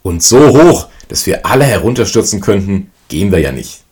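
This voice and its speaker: A man reading a storybook and voicing a cocky young eldest brother who talks loud and brash. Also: fairly low pitch, big pitch swings, moderate pace. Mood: defiant.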